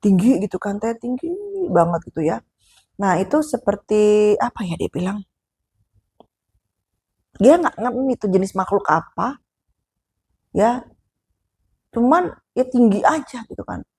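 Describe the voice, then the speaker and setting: Husky-voiced Sundanese woman telling horror stories. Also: mid-range voice, lively intonation, unhurried, pauses often, dark tone. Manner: chatty, keeps addressing the listener as sister. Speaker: horror storyteller. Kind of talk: casual spoken horror storytelling.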